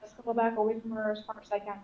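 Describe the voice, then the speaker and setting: A woman's voice: on the high side, completely flat delivery, racing, mellow, roomy sound, highs cut off. A woman playing a tabletop horror game, talking hesitantly and repeating her words. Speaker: player. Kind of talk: tabletop role-play.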